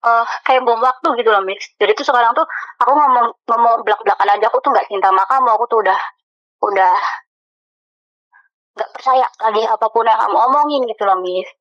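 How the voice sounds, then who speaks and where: A woman's voice: a little high, fast, no room sound. A woman calling in for advice, retelling her story in an emotional, rambling way with many fillers, close to tears. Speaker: caller. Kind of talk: phone-in advice chat. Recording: dull lo-fi phone audio.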